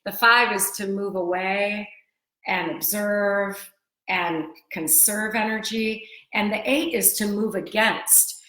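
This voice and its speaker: A woman's voice: medium pitch, steady tone, slow, pushed and bright. Woman explaining a book on a live stream. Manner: explanatory, teaching tone. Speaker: co-host and author. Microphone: live video stream. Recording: roomy echo.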